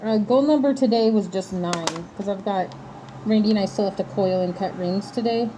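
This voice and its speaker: Woman, masked and slightly muffled, soft dark tone, casual livestream chat, teasing manner, faint noise behind. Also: mid-range voice, moderate pace. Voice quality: slightly muffled through a respirator mask. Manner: playful, giggly, teasing. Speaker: livestream host, craft maker.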